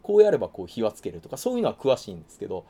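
A man in casual chat recommending a manga, animated, acting out character lines in quick funny voices. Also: fairly low pitch.

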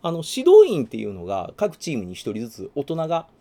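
A man talks quickly in a casual chat, his pitch swinging widely as he gets carried away. He keeps breaking into little acted-out lines for the characters he describes. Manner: animated, acts out character lines in funny voices. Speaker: guest recommending a manga.

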